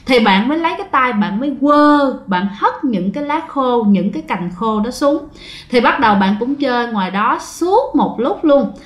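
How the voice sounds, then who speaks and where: A woman with a high, light voice recounts a ghost story in an easy, conversational manner. She keeps turning to her listeners and acts out what each family member says. The sound bounces around an echoey room. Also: lively intonation, normal speed.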